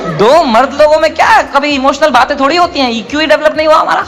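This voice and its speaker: A man tells a stand-up story on a comedy stage, dropping into a mock-solemn low voice and then bursting out loudly. Loud crowd laughter and music fill the live club behind him. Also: quick pace. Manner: animated, swings between mock-solemn low voice and loud excited outbursts. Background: audience laughter and music.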